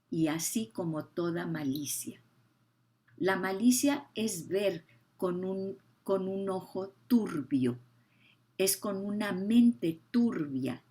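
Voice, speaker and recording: A woman's voice: medium pitch, lively intonation, slow, dark tone. An older woman, teaching the Bible with emphasis, repeating key phrases and asking her listeners questions.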